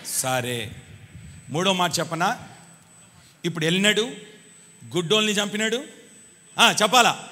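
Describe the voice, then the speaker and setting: A man preaching a sermon as pastor, firing rhetorical questions at the congregation and urging them to answer louder, swinging between loud cries and quiet asides. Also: high voice. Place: church hall. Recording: long reverb of a church hall.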